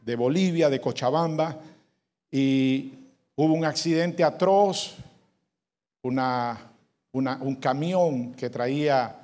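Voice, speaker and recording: A man preaching a sermon as pastor, leading shouted call-and-response lines and then telling a story. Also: mid-range voice, slow, pauses often.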